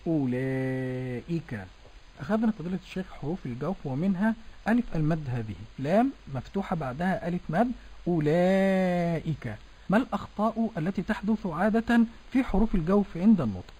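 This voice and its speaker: Formal radio host with a husky voice. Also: male voice, sits high, animated, fast talker, darkish tone. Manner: formal, repeats words after the teacher. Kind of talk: formal broadcast presenting.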